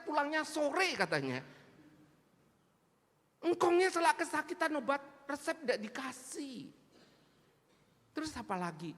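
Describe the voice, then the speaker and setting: A man with an East Javanese accent preaching a sermon, telling stories animatedly and speaking straight to the congregation. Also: extremely high pitch. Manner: animated, mixes local slang, addresses congregation. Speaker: pastor. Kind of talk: storytelling sermon. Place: church sanctuary. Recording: long church-hall reverb.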